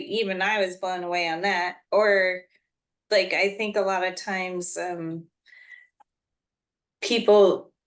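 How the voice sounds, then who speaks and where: Earnest mother, lowish voice. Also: fairly bright tone. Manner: earnest, many fillers. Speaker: parent guest. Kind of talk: casual conversation.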